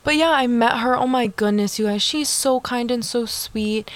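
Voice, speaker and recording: A woman's voice: a little high, normal speed. A young woman hosting her own podcast in a bubbly, chatty way, full of "like" and asides to her listeners. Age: young adult. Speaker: podcast host. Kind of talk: casual solo podcast chat.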